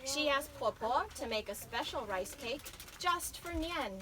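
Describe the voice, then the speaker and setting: Amid crowd noise at a live reading, a woman brings a picture book to life for children, dramatically elongating key words. Her voice sits high, sounds expressive and moves a little slowly.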